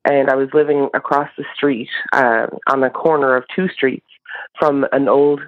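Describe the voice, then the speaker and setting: A woman's voice: very deep voice, fairly even intonation, normal speed, no echo. A woman from Newfoundland calling in, informally telling a personal story. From Newfoundland, Canada. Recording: dull lo-fi recorded call.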